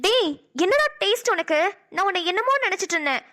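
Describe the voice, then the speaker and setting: A woman's voice: extremely high pitch, lively intonation, bright, forceful tone, full character voice. Woman voicing a sneering young office coworker. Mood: scornful. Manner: mocking, quick-talking. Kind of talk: cartoon voice acting.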